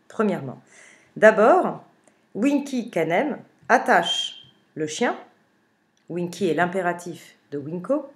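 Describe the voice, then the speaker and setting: Low-voiced woman teaching a Latin lesson. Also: a little mellow. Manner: hesitant, with frequent "euh" fillers and restarts; reads Latin slowly, then glosses it word by word. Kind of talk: remote lesson, explaining a translation.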